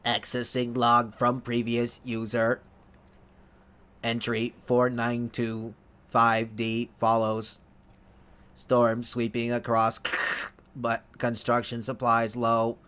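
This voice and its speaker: A man voicing an in-game computer, reading a log in a slow, even, mechanical monotone. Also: medium pitch, smooth. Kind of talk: let's play gameplay commentary.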